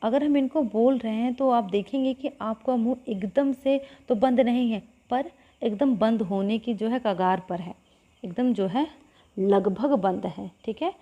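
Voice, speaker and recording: A woman's voice: fairly high pitch, a little slow, lo-fi sound. A woman teaching an exam-prep lesson, explaining step by step, asking and answering her own questions and drawing out vowel sounds for practice. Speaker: Hindi teacher.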